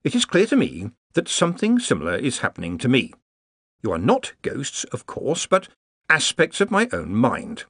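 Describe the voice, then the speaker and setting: A man voicing a grave, careful Victorian male naturalist who speaks in a slow, solemn, wooden way. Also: mid-range voice, wildly swooping pitch, a bit bright, husky, no echo, studio quality, pitched above the performer's own voice, heavily acted.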